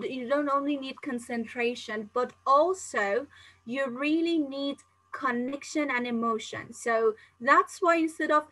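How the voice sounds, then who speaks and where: Bright-voiced woman teaching online. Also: high voice, low-quality recording. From Singapore. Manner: chatty, reads viewer questions aloud and answers them; frequent fillers and restarts, non-native phrasing. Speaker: English teacher. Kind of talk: live-streamed exam-prep lesson.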